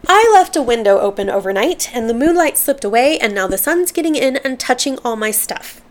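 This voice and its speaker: Earnest woman reading aloud, slightly high voice. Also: expressive, fairly quick. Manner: heartfelt, earnest, stumbles when moved. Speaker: book podcast host. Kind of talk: reading book excerpts aloud, then personal commentary.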